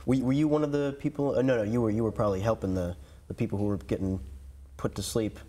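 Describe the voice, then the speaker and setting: Fast-talking young man, nasal from a cold. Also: mid-range voice, fairly even intonation, dark tone. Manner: chatty, stumbling restarts. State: under the weather, nasal from a cold. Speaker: show host. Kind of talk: casual college radio interview.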